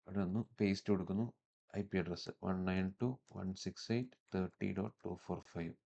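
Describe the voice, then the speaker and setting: Speaking quickly in a low, gravelly voice, a Malayali-accented man explains software one step at a time, blending English technical terms into his instruction. The audio is dull.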